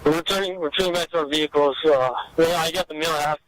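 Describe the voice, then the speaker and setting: A man's voice: on the high side, steady tone, fast, a bit bright, slight background noise, low-quality recording. Man talking over a police radio. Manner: terse, clipped radio call-outs. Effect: police radio transmission. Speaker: police officer.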